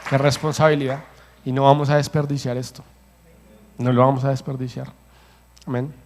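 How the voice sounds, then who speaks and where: A man's voice: medium pitch, little pitch movement, moderate pace, a little mellow. Passionate male preacher in an echoing church hall. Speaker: pastor. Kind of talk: sermon. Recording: long hall reverb.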